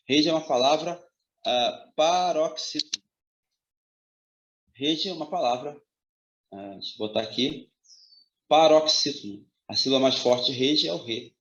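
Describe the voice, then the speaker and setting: A man's voice: medium pitch, a bit bright. A male grammar teacher giving an exam-prep lecture, talking emphatically and checking in with his students. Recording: roomy, slightly dull audio.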